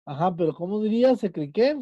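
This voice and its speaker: A patient teacher leads an online class, slowing and stretching words to explain. His voice is very dark and mellow, recorded dry and close on a computer mic. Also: sits high, expressive, dry recording, dull audio.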